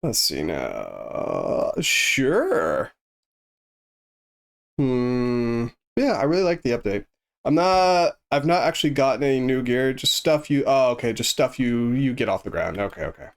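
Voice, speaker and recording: A gravelly, medium-pitched man streams live, his voice swinging widely in pitch at a measured pace. He chats casually with viewers while playing, rambling in an easygoing way and thinking aloud with many restarts. His voice sounds congested and a little sniffly.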